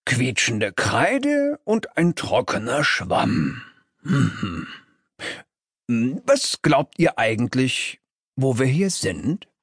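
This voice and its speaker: A man voicing a hot-tempered devil father who runs hell, gruff, impatient and prone to shouting. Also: mid-range voice, big pitch swings, takes it slowly, no room sound, studio quality, full character voice. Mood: mocking.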